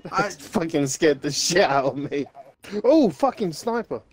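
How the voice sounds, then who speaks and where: A man with a slightly high voice that leaps about a lot as he chats over a video game. His talk is sweary and giggly, with quick bursts of mock-indignation at his teammates. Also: very animated. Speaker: gamer playing with friends. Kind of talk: casual gaming banter.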